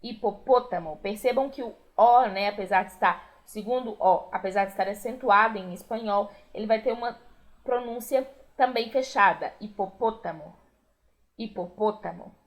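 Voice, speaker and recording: Speaking a little high at a moderate pace, a woman with a Brazilian Portuguese accent leads a recorded Spanish lesson. She repeats every word clearly and patiently.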